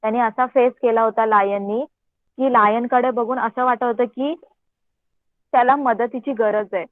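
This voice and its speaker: A woman teaching an online English class. She reads text out slowly, explains it at length and keeps asking whether everyone has understood. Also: fairly high pitch, fairly even intonation, dry recording. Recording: tinny phone-like online call audio.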